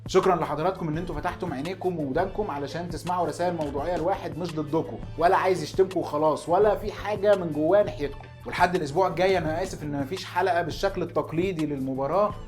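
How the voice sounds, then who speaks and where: A man's voice: on the high side, racing, few pauses, over music. A man in his twenties with an Egyptian Arabic accent, talking naturally and unscripted to the camera as a football fan host, earnest and insistent with rhetorical questions. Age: 20s.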